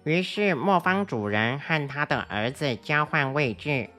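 A woman telling a children's story with a very low voice that still sounds bright and crisp. She reads gently and expressively, with soft music underneath. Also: lively intonation, measured pace.

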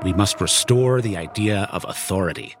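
A man's voice: deep voice, moderate pace, heavy background noise. A man narrating a scripted documentary podcast in a conversational, storytelling style. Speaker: narrator and reporter. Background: music.

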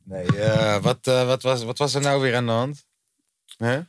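A man's voice: mid-range voice, moderate pace, clean tone, no echo, clean studio sound. Een man die als medepresentator van een podcast zijn gast schertsend de les leest. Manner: bossy, mock-scolding. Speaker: podcast co-host. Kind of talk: casual podcast chat.

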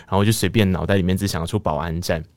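Man, taiwanese mandarin accent, low voice, dry close mic, lively storyteller. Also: racing, dry recording. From Tainan, Taiwan. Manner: animated, laughing, jumps high when excited. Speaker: podcast host. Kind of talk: casual storytelling monologue.

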